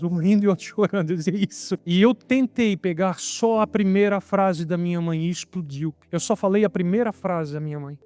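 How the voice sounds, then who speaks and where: A man's voice: sits high, mellow. A man giving an emphatic sermon testimony, often calling his listeners brother. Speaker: preacher.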